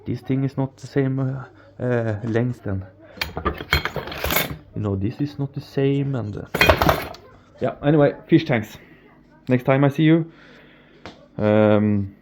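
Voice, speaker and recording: An aquarium hobbyist from Norway, whose native language is Norwegian, casually tours his apartment on camera, stumbling through his English and chuckling at himself. His mid-range voice moves slowly, broken up by long pauses. The sound is a slightly dull home recording made indoors, with faint noise.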